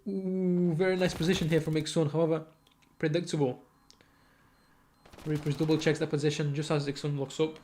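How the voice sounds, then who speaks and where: A man casting a live esports match, giving quick play-by-play with chatty asides and self-corrections. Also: fairly high pitch. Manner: rapid, self-correcting, chatty asides, sudden excited outbursts. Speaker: esports caster.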